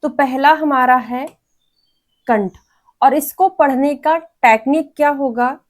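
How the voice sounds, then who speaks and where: Slow, high-voiced woman teacher. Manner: patient, demonstrates each sound aloud and has students repeat. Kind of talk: exam-prep lecture. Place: teaching room with a board.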